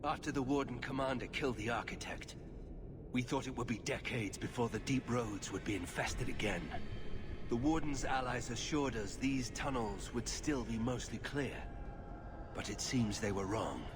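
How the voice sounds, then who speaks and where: An actor playing a grave, guarded warrior of a fantasy order in a video game, speaking in a solemn, measured way. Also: male voice, mid-range voice, over music, natural voice. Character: grave, guarded male Grey Warden warrior. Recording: clear background ambience noise.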